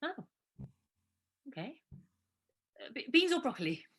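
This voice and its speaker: This is a nervous London woman in a stage drama, played by an actress, worrying aloud while she cooks for her partner. Her voice is bright and fairly high, and it swings widely in pitch. She talks in a hesitant way and keeps restarting her sentences. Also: big pitch swings, unhurried, slightly rough, full character voice. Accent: London English. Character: anxious woman cooking dinner for her partner. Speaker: actor in a two-hander play. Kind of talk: naturalistic stage drama dialogue.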